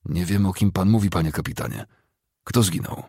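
A cornered, desperate Union soldier, voiced by a male audiobook narrator, mumbling warily in a gravelly, husky voice lifted a little above his own. The sound is dry and close. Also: sits low, brisk, mellow, dry recording. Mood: wary.

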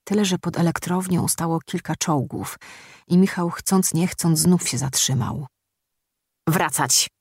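An audiobook narrator reading a story in a steady, measured way. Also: mid-range voice, husky, dry recording. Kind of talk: scripted narration.

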